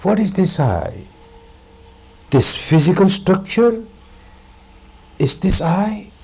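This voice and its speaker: A male meditation teacher delivers a spiritual discourse in a fairly high, creaky voice. He speaks very unhurriedly, repeating key words for emphasis and leaving deliberate pauses between short phrases. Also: big pitch swings, warm tone.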